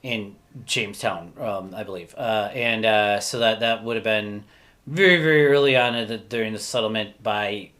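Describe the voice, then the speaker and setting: A man with a lowish, somewhat bright voice co-hosts a casual podcast discussion at a moderate pace. He rambles and thinks aloud, often correcting himself mid-sentence.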